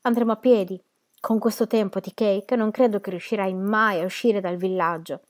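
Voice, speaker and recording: A woman's voice: mid-range voice, steady tone, normal speed, lightly acted. A woman reading aloud voices a frightened, exhausted young woman caught in a storm, pleading and breathless. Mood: anxious.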